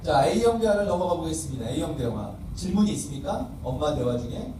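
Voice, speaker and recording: A man's voice: on the high side, very animated, brisk. A man, a pastor, teaching a parenting workshop at church, quizzing the audience and acting out parent-child dialogues. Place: church welfare hall classroom. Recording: distant mic in a reverberant hall with faint noise.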